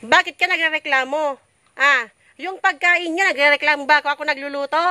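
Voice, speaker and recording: A woman's voice: high voice, fairly even intonation, moderate pace, sharp tone. A woman playing an overworked, exasperated village mother in a drama, kvetching and nagging in long repetitive complaints. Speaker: actor in an amateur short film. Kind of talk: naturalistic family drama acting.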